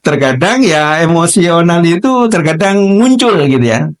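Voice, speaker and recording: A middle-aged man, a teacher, telling a personal story on a podcast in an animated way, acting out dialogue. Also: on the high side, normal speed.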